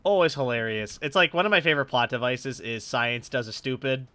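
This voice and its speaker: With a brisk, sharp-toned mid-range voice and no echo, a man does casual, sweary let's play commentary from his room at home. He has a slightly stuffy nose and thinks aloud as he plays, as a gaming YouTuber.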